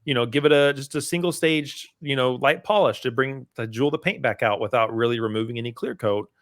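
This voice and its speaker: Man, podcast guest, casual rambling talk, lots of fillers, mid pitch, dry close sound. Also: fairly quick, no echo. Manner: relaxed, rambling, heavy on "you know" and "um". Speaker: podcast guest, part-time car detailer. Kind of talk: casual conversation.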